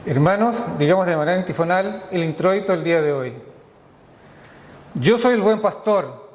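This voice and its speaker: A man serving as minister, leading a church liturgy and reading prayers in a solemn, measured way, his voice ringing with a cathedral echo. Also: sits high, expressive, faint music behind. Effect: cathedral echo, long reverb. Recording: long echoey hall reverb.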